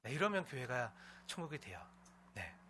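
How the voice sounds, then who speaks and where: A man's voice: medium pitch, very animated, moderate pace, slight background noise. A man preaching as pastor to his congregation, telling a story and leaning on a habitual "ne" between phrases. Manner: warm storytelling with frequent "ne" fillers and scolding imitations. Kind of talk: sermon. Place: church sanctuary with congregation.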